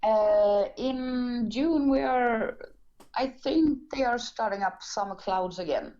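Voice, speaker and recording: A Swedish woman in her thirties, a guest chatting in English in a friendly, soft-spoken way. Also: fairly high pitch, slow, muffled recording. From Sweden. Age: 30s. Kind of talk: casual chat over video call.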